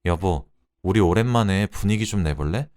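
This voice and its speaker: A man's voice: sits low, normal speed, a little mellow, no echo, clean studio sound, natural voice. A man voicing a sheepish husband who mumbles and dodges in a radio-drama story reading. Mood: coaxing. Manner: mumbling, evasive. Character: sheepish husband, coaxing then weary.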